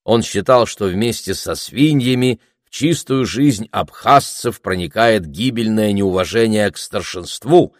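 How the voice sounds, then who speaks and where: A man's voice: on the low side, no room sound, clean studio sound. A man narrating a novel as an audiobook, reading expressively. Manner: expressive reading, voices many characters. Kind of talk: scripted narration.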